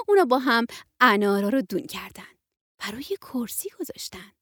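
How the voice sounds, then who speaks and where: A woman reads a children's story aloud, her rather high, husky voice rising and falling in a lively way. The sound is dry and close, with soft music behind her. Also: no room sound. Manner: lively, playing each figure with her voice. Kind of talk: storybook narration.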